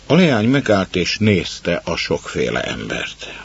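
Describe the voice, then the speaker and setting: A man reading a story aloud in calm, measured narration, on a dull lo-fi recording. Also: deep voice, gravelly, breathy edge.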